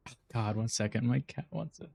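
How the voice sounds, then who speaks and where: A man's voice: mid-range voice, a little fast, vocal fry, darkish tone, breathy edge, no room sound. A man streaming a game, chatting casually to himself, laughing often and repeating words when frustrated. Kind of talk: casual live gameplay commentary.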